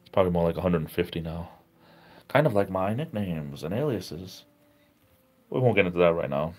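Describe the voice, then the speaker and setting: A weary middle-aged man hosts a laid-back live stream, reading chat messages out loud. He's chatty, easygoing and quick to be amazed, with a low voice at a moderate pace.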